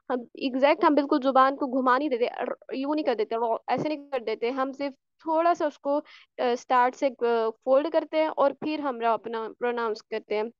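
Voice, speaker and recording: A woman's voice: high-pitched, clean tone, dry recording, lo-fi sound. A woman teaching a recitation class online, patiently explaining and repeating sounds for her students. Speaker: tajweed teacher.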